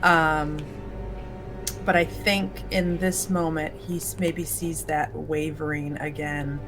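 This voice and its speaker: A woman's voice: deep voice, flat delivery, slow, music in the background. A woman talking casually and improvising as a player in a tabletop role-playing game.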